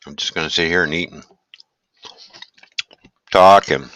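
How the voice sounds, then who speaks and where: A man hosting a casual live stream, chatting in a relaxed, rambling way and greeting viewers while he eats. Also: sits low, a little slow, slight background noise. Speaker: livestream host.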